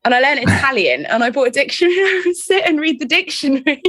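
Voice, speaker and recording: A woman in her forties from England, a guest in an interview, talking in a chatty, animated way with self-mocking asides. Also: sits high, fast talker. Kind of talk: casual interview chat.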